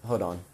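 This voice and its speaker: Slow, blunt man with a fading voice. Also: dark tone. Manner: blunt, swears freely, repeats words. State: losing his voice, clearing his throat. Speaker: podcast host. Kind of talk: casual advice monologue.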